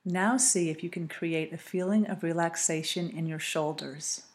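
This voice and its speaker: A woman reading a calm, scripted guided relaxation, speaking slowly and soothingly with long pauses. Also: lowish voice.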